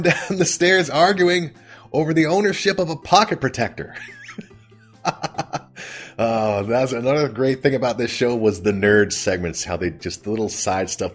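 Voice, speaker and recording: Brief: low husky guy, casual recap host, faint music under. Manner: laughs often, chatty and amused. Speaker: podcast host recapping a sitcom.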